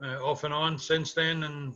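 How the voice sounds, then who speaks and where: A community theatre music director from Scotland, in his 60s or older, is interviewed over a webcam video call from a small indoor room at home. With a Scottish accent, he reminisces thoughtfully and hesitantly in a fairly high, level, pushed and bright voice at normal speed. The audio is muffled, with music underneath.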